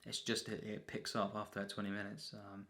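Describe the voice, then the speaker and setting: In a fairly low, creaky monotone with a hard, forceful edge and a narrow pitch range, a man rambles through an off-the-cuff film review. He speaks haltingly, repeats himself, clears his throat often, and leans on filler phrases.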